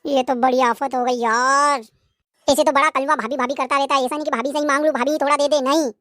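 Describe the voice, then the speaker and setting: A woman's voice: high voice, steady tone, fast talker, a bit bright, no echo, clean studio sound. A woman voicing a whiny, hungry young man in a cartoon, pestering for food. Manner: whining, pestering.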